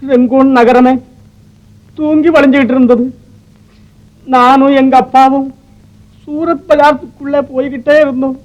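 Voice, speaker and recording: A grieving young doctor tells of his loss in a choked, tearful voice. The voice sits very high for a man, with theatrical 1950s film melodrama delivery. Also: little pitch movement, unhurried, pauses often, poor audio. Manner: emotional, theatrical storytelling.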